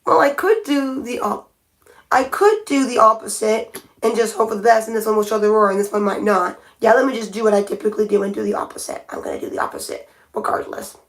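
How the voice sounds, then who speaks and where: A fast-talking woman with a fairly high voice paints her nails on a livestream from her home by a window. She chats casually, thinks out loud, and keeps starting her sentences over.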